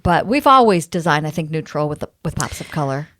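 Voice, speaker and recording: An agreeable middle-aged woman joins her co-host in casual chat. Her voice is a touch low and dry, with no room sound. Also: expressive, brisk, a bit bright, no room sound. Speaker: podcast co-host.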